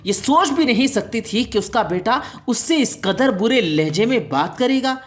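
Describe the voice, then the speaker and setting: A woman's voice: a little high, lively intonation. A woman storyteller giving a scripted, dramatic narration of a moral tale.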